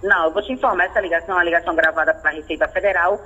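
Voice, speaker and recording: A man's high, bright voice comes down a landline phone, rushing through a scripted prize announcement. He pushes on insistently and keeps checking that all is well. The muffled line carries a faint hiss. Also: steady tone, breathy edge. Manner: rapid, insistent, keeps asking "all right?". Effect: heard over a landline phone. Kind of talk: scripted phone sales pitch.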